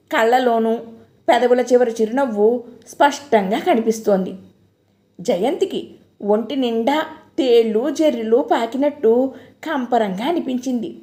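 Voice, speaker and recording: A woman narrating an audiobook novel in a measured, expressive storytelling manner. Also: sits high.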